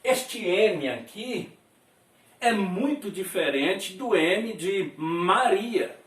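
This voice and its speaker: Brazilian guy teaching at a board, high lively voice, kinda far off in a roomy space. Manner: explains slowly, drawing out sounds, chuckles often. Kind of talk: classroom lesson at a board. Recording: roomy and distant from the mic.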